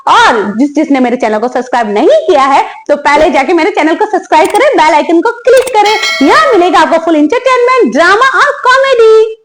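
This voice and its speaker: A woman introducing her channel with a brisk, promotional delivery. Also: very high-pitched, lively intonation. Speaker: channel host.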